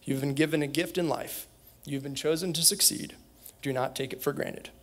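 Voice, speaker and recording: A man's voice: fairly high pitch, fairly even intonation, moderate pace. A young man, a former student, giving a prepared graduation speech with an earnest, direct manner. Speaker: graduation speaker, alumnus. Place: school event hall.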